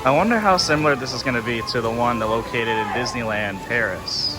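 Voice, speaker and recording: A male theme park vlogger gives casual walk-through commentary. He exclaims readily at what he sees. Loud music plays around him as he goes. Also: medium pitch, a little fast, rough recording. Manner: wowed, exclaiming at sights.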